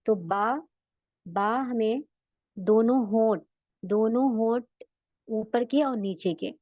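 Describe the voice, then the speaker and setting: A woman teaching a tajweed lesson online, patiently repeating letter sounds slowly to demonstrate. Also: mid-range voice, no room sound, dull audio. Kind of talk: online Quran recitation lesson.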